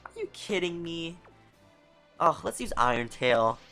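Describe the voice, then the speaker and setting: Brief: excitable New York-accented gamer narrating a playthrough, very lively pitch. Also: measured pace, faint music behind. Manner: excitable, exasperated running reactions. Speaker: let's player. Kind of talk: video game playthrough commentary.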